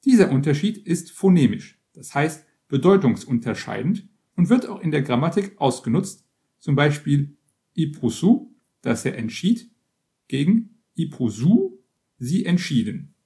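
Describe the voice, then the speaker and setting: A man reading an encyclopedia-style text aloud as scripted narration, in a measured, list-like way. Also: a little high, sing-song, vocal fry, mellow. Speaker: reader.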